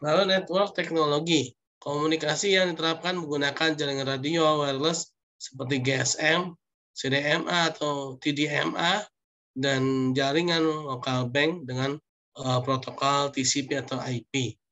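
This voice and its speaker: A man's voice: a little high, fairly even intonation, moderate pace, pushed and bright. A man lecturing online, reading through slide points with frequent "ya" and "nah" asides.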